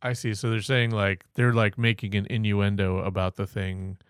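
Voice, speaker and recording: A woman with an unusually deep voice chats on a casual podcast. She asks patient follow-up questions and explains words in plain terms. Her sound is dry and close. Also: flat delivery, moderate pace, no room sound. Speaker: podcast co-host.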